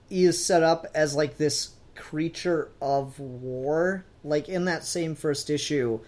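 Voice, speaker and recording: A podcast host talks casually about comic books, rambling and informal, with some mild swearing. The voice is mid-range and a little mellow.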